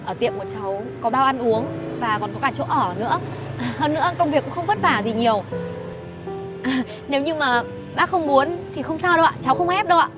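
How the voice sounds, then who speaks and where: An actress playing a kind young woman who owns a noodle shop, speaking gently and politely. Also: high voice, animated, a little fast. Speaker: actress in web drama. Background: music.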